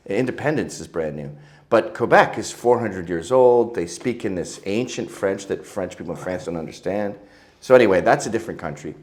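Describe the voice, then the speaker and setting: A middle-aged man, telling stories as an interview guest in a crude, joking, provocative way. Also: on the low side. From Canada. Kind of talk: casual interview storytelling.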